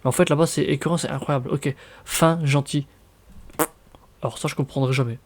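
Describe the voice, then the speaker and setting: A man's voice: a little high, steady tone, brisk. A young man from France with a French accent, chatting casually in a vlog, reading out words and reacting with surprise. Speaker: vlogger.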